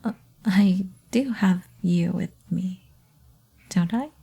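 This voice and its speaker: Woman as a breathy, flirty succubus, ASMR role-play. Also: mid-range voice, steady tone, slow pace, full character voice. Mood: fond, reassuring. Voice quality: breathy, soft. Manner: teasing, intimate, coaxing.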